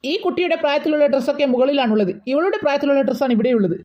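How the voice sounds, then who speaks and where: A woman voicing a polite, brisk saleswoman in a cartoon. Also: high voice, lively intonation. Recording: dull lo-fi sound.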